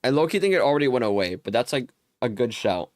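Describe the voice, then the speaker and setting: A man's voice: mid-range voice, very animated, fast, darkish tone, no room sound, clean studio sound. A young man streaming a Minecraft game, casually telling a long story, full of fillers and laughing exasperation. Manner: rambling, filler-heavy, exasperated laughing retelling. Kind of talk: casual storytelling while gaming.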